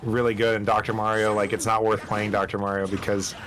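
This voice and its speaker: A man's voice: fairly low pitch, level tone, fairly quick, crowd noise. A man playing a video game with a friend, chatting and joking playfully. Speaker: guest gamer. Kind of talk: casual gaming chat.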